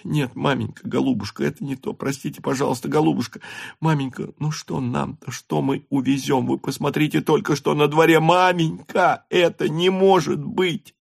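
Man reading as a young girl, shrill, tearful, pleading, pitched up, gravelly edge, dry close sound. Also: measured pace, few pauses, darkish tone, dry recording, exaggerated voice. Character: young girl, countess's daughter, indignant and pleading.

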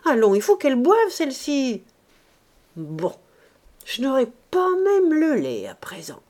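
A woman voicing a blustering gruff old vagabond. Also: fairly high pitch, wildly swooping pitch, slow, a little mellow, voice pushed up, heavily acted. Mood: loud bluster. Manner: blustering, ranting, grandly insulting. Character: gruff grumbling old male vagabond philosopher. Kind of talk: audiobook character reading.

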